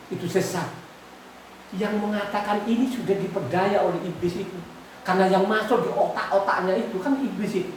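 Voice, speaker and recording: A woman's voice: lowish voice, slight background noise. A woman preaching a sermon, exhorting her listeners, asking them questions and repeating her words. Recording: echoey room, far from the mic.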